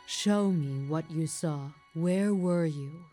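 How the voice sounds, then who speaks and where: A woman's voice: low voice, slow pace, warm tone, soft background music. A woman voicing a grieving older woman from a fantasy game, with a ragged, harsh and desperate voice.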